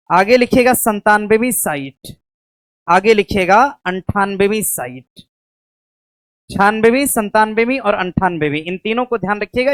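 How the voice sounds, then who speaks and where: Female coaching teacher, question-and-answer drilling and slow dictation, dry close sound, mid-pitched voice. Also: no room sound. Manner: asks questions and answers them herself, repeating key facts; slow dictation of notes to write down. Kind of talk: exam-prep classroom lecture.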